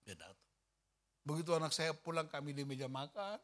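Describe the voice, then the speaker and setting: A male pastor preaching a church sermon, telling a personal story in an animated way and acting out the dialogue. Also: fairly high pitch, a little fast. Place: church service.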